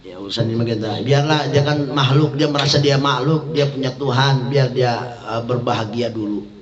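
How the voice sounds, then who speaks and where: A man's voice: mid-range voice, moderate pace, crowd noise. A man with a Jakarta Betawi accent teaching a religious text study, reading Arabic lines and explaining them in joking street slang. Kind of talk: kitab study lesson. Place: indoor prayer gathering room. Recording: echoey room, dull lo-fi sound.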